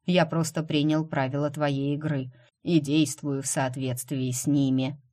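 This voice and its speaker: A woman's voice: sits low, little pitch movement, warm tone. Woman voicing a dryly mocking aristocratic count. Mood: calm. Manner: unhurried, dryly teasing. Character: calm, mocking aristocratic count, adult man.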